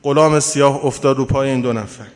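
A man's voice: medium pitch, fairly even intonation. A male preacher telling a mourning story as a sermon, with emotional storytelling and direct address to the mourners. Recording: long hall reverb.

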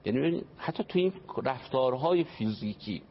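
A man's voice: medium pitch, animated. A man giving an earnest religious talk on family life as a radio guest, explaining and quoting traditions. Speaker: family counselor. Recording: dull radio broadcast, faint noise.

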